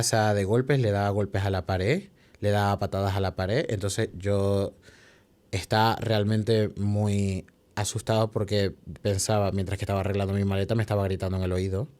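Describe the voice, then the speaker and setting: Venezuelan guy, low-ish voice, rushing through his story w lots of restarts and "sabes?". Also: steady tone, darkish tone. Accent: Venezuelan Spanish. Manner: emotional, fast storytelling with many restarts and tag questions. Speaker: podcast guest. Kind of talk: telling a personal story in an interview.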